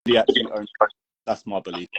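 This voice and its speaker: Glitchy, cutting-out call audio, low man. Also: steady tone, racing, dull audio. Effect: corrupted, glitchy audio that keeps cutting out. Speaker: guest on a group call. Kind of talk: casual group discussion. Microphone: online voice call.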